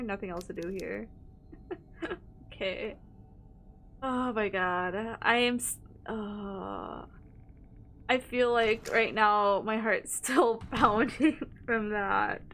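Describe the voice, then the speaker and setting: A woman's voice: a little high, fairly bright tone, a little hiss or hum. A young woman streaming a horror game, thinking aloud in casual commentary with lots of fillers and hesitations.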